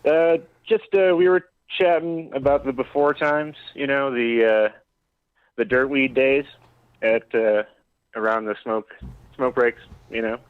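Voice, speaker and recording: A man's voice: mid-range voice, fairly even intonation, unhurried, clear, resonant tone, narrow, tinny audio. Laid-back man calling in by phone. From Denver area, USA. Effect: over the phone. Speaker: caller. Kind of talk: casual call-in chat.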